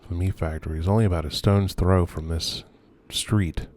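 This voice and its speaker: At night, an urban explorer and video host gives an unscripted narrated tour around abandoned row houses, musing in a subdued, hesitant way with trailing phrases. His deep, darkish voice has fairly even intonation at a normal speed, and the location recording is noisy.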